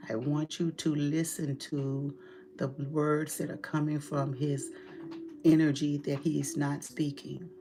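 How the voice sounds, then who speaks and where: Low, gravelly-voiced woman reading tarot. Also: level tone, measured pace, noisy background. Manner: direct, emphatic, casual swearing; speaks straight to the client. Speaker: tarot reader. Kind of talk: recorded tarot reading for a client.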